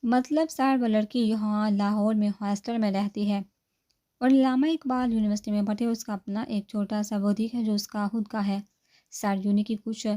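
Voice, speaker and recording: A woman's voice: medium pitch, dark tone, natural voice. A woman voicing a young male assistant who respectfully reports to his boss, calling him sir. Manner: respectful, says sir often.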